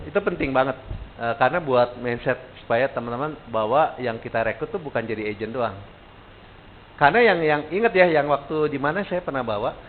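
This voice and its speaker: A man teaching a live sales training session, talking casually and putting questions to the audience. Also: medium pitch. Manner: casual, animated, quizzes the audience. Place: training room. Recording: tinny lo-fi sound with faint hiss.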